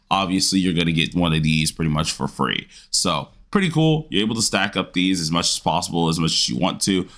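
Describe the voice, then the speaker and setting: A man hosting a gaming channel with a groggy morning voice, rambling casually through a game update and leaning on filler words. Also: low voice.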